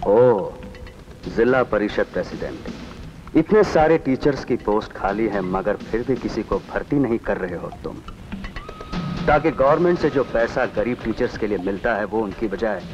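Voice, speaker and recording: A man's voice: high voice, dull audio. An actor playing a cheeky, defiant unemployed young man in a dubbed film, swinging from angry speeches to teasing banter. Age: young adult. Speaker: lead in a dubbed action film. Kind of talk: Hindi film dub acting.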